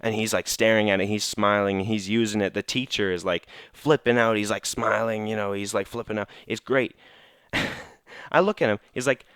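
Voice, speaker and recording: A man's voice: lowish voice, steady tone, normal speed, fairly bright tone, clear, resonant tone, dry recording, studio quality. A teenage boy rambling through funny school stories, full of fillers, while commenting on a game. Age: teens. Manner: rambling, filler-heavy, laughing storyteller. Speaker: gaming channel host. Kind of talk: casual gameplay commentary storytelling.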